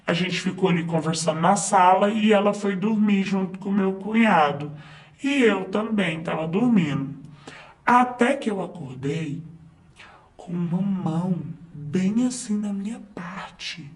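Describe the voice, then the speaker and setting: A man's voice: high voice, a little slow. A man narrating a first-person story in a conversational way, with fillers and asides to the listener.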